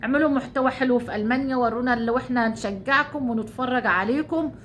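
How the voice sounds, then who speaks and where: A woman's voice: fairly high pitch, racing, a bit bright, slight background noise. A woman with an Egyptian Arabic accent giving heated, repetitive ranting commentary to her channel, swearing oaths often. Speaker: YouTuber.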